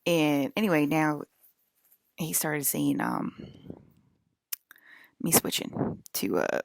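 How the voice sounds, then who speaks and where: Speaking straight to her viewers, a vlogger in her forties rambles through a defiant, scolding monologue, tacking "okay?" or "right?" onto nearly every point. She takes it slowly but is very animated, her voice low and gravelly, with no echo.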